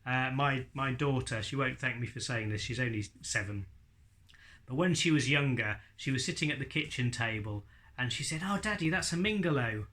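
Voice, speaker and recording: A man's voice: mid-range voice, moderate pace, bright, forceful tone. A middle-aged man giving an informal, chatty ventriloquism lesson with jokey asides. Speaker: ventriloquism teacher. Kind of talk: informal instructional video talk.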